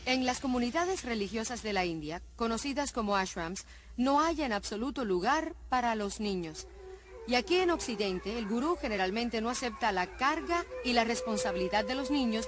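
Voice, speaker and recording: A woman's voice: fairly high pitch, lively intonation, moderate pace. A woman speaking seriously in a dubbed documentary interview.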